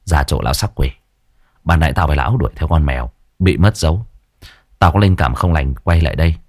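A stern young exorcist who speaks in low, clipped orders, as a storyteller puts him on. He gives short, blunt commands with no patience. The recording is dry and close. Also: expressive, a little fast, darkish tone, no echo, exaggerated voice. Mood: curt. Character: gruff young male exorcist, curt and stern.

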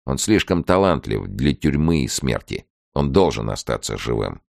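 A man's voice: rumbling low, big pitch swings, normal speed, vocal fry, darkish tone, dry recording, clean studio sound, heavily acted. A man doing a blunt one-armed police chief. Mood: earnest.

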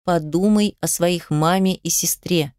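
A woman voicing a middle-aged female ballet company director who speaks in a measured, quietly pressing way. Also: fairly low pitch, clean tone, dry recording, studio quality, lightly acted. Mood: persuasive.

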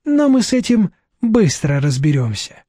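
Storybook thug, menacing sneer, read by a man, rather high voice, dry mic. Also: big pitch swings, unhurried, dark tone, dry recording, heavily acted. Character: sneering slick-haired young male thug.

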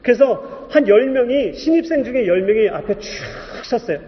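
Male pastor, animated sermon testimony, high voice, long hall reverb. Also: brisk, slight background noise. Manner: animated storytelling, acting out voices. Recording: dull echoey hall recording.

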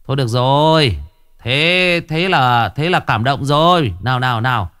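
A man playing a sly schemer who coaxes a ghost in a smooth, persuasive way. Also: mid-range voice, lively intonation, moderate pace, bright, forceful tone, voice pushed up. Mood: coaxing. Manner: coaxing, smooth-talking.

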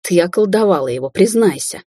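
A woman's voice: lowish voice, lively intonation, a little fast, dark tone, slightly rough, dry recording, studio quality. A woman voicing a smug, cruel adult sorceress in an audiobook, theatrical and mocking, sliding into hissed threats. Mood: vicious.

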